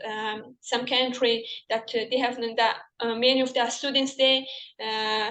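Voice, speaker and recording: High bright young woman. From Afghanistan. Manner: halting, searches for words, speaking a second language. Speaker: webinar speaker. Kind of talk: prepared talk. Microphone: video call. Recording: echoey room over a video call.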